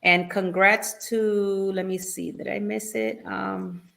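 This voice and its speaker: A woman's voice: mid-range voice, level tone, takes it slowly, creaky, a bit bright. A woman co-hosting a casual live stream, laughing often and reading viewer questions aloud. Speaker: co-host reading the live chat.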